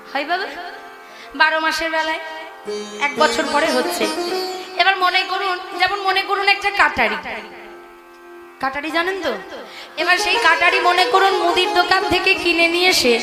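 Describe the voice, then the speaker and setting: A woman kirtan singer and preacher who leads call-and-response chanting at a village gathering and coaxes the crowd with questions. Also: very high voice. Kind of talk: devotional kirtan singing with preaching. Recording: loud tabla and harmonium music behind.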